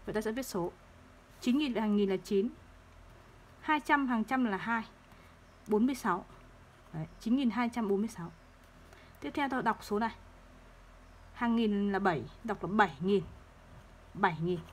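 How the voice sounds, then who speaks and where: A woman teaching third-grade math, explaining place values slowly and patiently and repeating each number. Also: mid-range voice. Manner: slow, patient, repeats numbers to drill them.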